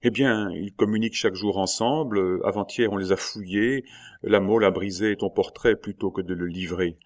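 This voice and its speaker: A man reading aloud, voicing a bold, playful young duchess who explains a plan in a brisk, confiding way. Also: on the low side, steady tone, natural voice.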